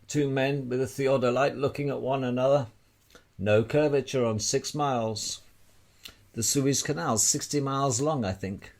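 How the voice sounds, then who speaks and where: Speaking at medium pitch, an amateur presenter gives an informal, emphatic explanation in monologue form, full of repeated phrases and rhetorical questions.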